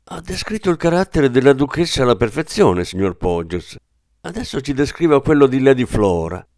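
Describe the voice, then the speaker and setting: A man reading an audiobook, voicing a lively, teasing society hostess who exclaims and laughs easily. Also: mid-range voice, moderate pace, no echo, clean studio sound.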